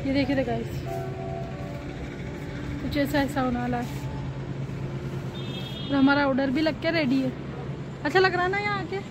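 A woman's voice: sits high, moderate pace, long pauses, over music. A young woman food vlogger chatting enthusiastically to her viewers while reviewing a rooftop restaurant, filmed on a handheld phone. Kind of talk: casual restaurant review vlog. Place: rooftop restaurant at night, outdoors.

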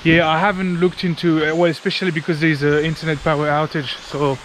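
A man with a slightly high voice chats informally as a travel vlogger. He comments casually on his surroundings in the open air. Light ambient noise sits behind his voice. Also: flat delivery, fast, a bit bright. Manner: informal, chatty, occasional swearing. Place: outdoors on forest walking paths.

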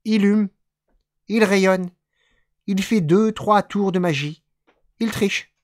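A man hosting a live poetry reading, reciting texts slowly and deliberately and chatting casually with listeners between poems. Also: high-pitched, no echo, studio quality. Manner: slow measured recitation, then chatty offhand remarks. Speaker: poetry reader and stream host.

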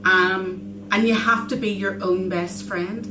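A vlogger in her forties keeps a weight-loss diary, speaking earnestly and confessionally with frequent pauses, ums and restarted thoughts. Her mid-range voice comes from a distant mic, with a noticeable room echo and a steady wash of ambient noise behind her.

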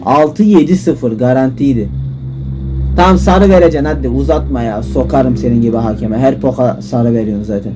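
A man giving frustrated gameplay commentary, swearing and shouting at the game. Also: mid-range voice, moderate pace, background noise. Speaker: gaming YouTuber. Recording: music loud behind voice.

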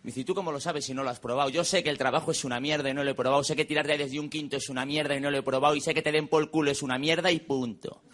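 A man performing a stand-up monologue on stage, delivering quick deadpan punchlines and mimicking his relatives. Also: on the high side. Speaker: stand-up comedian. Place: stage before a live audience. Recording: stage recording with audience laughter and noise.

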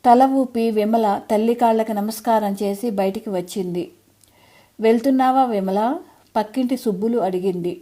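A woman narrates a short story for an audiobook. Her reading is calm and measured. The voice is very dark and mellow, at an ordinary pitch.

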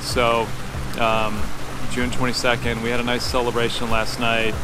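A man in his fifties hosting a sailing vlog, chatting casually to a handheld camera on a sailboat, relaxed and rambling with fillers. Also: mid-range voice, normal speed, very noisy. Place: outdoors on a sailboat on a river. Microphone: phone held at arm's length.

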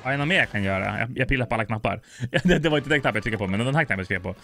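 A man's voice: mid-range voice, animated, gravelly, pushed and bright, soft background music. A man hosting a gaming channel, chatting casually as he plays, stammering and laughing often. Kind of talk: casual let's play commentary.

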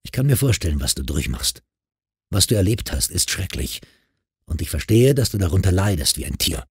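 A man voicing a calm, caring grown man in an audiobook who patiently talks a troubled girl round. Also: low-pitched, brisk, breathy edge, dry recording, studio quality, heavily acted. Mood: earnest.

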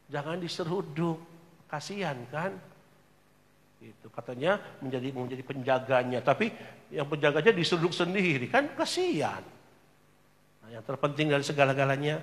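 A middle-aged man preaching a sermon in a church, loud and emphatic at one moment and quiet and personal the next. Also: mid-range voice. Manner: swings from loud emphatic preaching to quiet personal asides, acts out quoted voices. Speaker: pastor. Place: large church hall. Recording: long church reverb.

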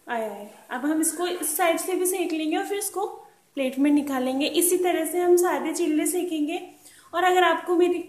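A woman with a high voice calmly demonstrates a recipe at her home stove, patiently repeating each tip for her viewers. The kitchen sounds roomy, with pans clinking behind her. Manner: calm, patient instructional talk, repeats tips. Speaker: cooking channel host. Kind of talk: step-by-step cooking demonstration.

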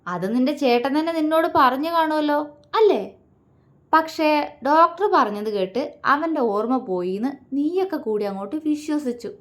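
Sneering, menacing young man from a story, read by a woman, slow and taunting, voice sits a bit high. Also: animated. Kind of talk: storybook reading.

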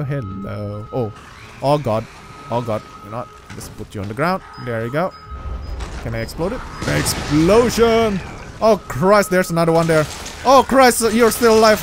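A man commenting on his horror game run, talking to himself and bursting into startled outbursts. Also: mid-range voice. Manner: excitable, jumpy, talks to himself with loud startled outbursts. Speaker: gameplay commentator. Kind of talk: let's play commentary. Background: game music and sound.

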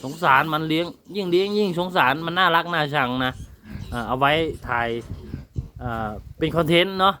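A man's voice: a little high, expressive, a little fast, pushed and bright, slight background noise. A man talking casually to viewers in a farm vlog. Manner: chatty, addresses viewers often. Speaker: vlogger raising pigs.

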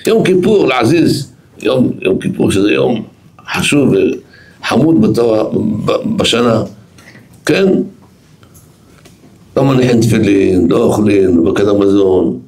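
Teaching Torah to a yeshiva class, an Israeli-accented man with a lowish voice pauses often. He repeats and stresses his points, becoming louder and more excited during his stories.

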